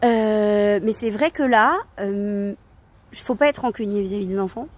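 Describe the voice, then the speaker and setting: A woman's voice: mid-range voice, measured pace. A woman in her thirties, a parenting coach, talking in a casual vlog with many hesitations and restarts, outdoors at night.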